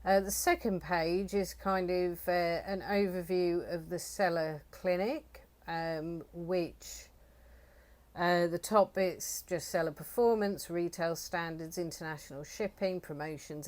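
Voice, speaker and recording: A woman's voice: lowish voice, measured pace, darkish tone. A woman from the UK co-hosting a reselling channel, chatting casually with many fillers and reading bits from a report. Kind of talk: casual chat.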